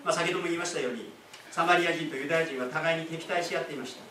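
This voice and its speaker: A man's voice: a little high, racing, bright, forceful tone, far from the mic, slight background noise. A man preaching a sermon as pastor, explaining in a conversational way with asides and rhetorical questions. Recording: echoey room, speaker away from the mic.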